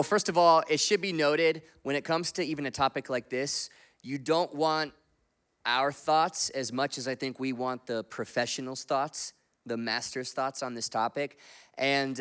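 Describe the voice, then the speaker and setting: A young adult man preaching a sermon, telling stories and jumping into animated, excited bursts. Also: mid-range voice, clear, resonant tone. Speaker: pastor. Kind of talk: sermon with storytelling.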